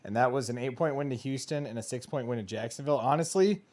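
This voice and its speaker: A man's voice: medium pitch, fast talker, a little mellow. A man hosting a casual sports betting chat, joking and rambling. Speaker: host.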